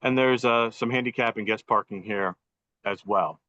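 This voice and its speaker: A male engineer speaks through a video call, his voice lowish yet bright and forceful. The audio is dull and lo-fi, dry with no room sound. He presents formally and methodically, with the odd um. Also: normal speed, dry recording. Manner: methodical, walking through a plan with frequent ums. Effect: on a video call over poor Wi-Fi. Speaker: professional engineer presenting a site plan. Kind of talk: formal presentation at a public meeting. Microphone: computer audio on a video call.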